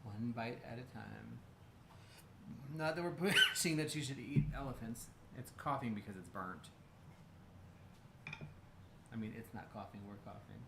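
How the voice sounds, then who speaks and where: An American man co-hosts a casual livestream from an indoor room, rambling and bantering in an unhurried, creaky, mid-range voice with frequent pauses. The room has a roomy echo and faint background noise.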